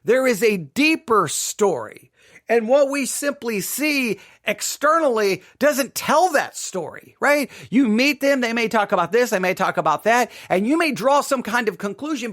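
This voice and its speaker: A podcast host, a middle-aged Texan from the United States, recounts a personal story in a repetitive, emphatic monologue, asking "right?" for agreement. He speaks at normal speed in a very high, expressive voice that's a bit bright.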